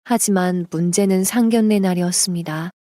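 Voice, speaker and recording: A woman narrating a submitted life story in an even, confiding storytelling manner. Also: fairly low pitch, normal speed, no room sound, clean studio sound.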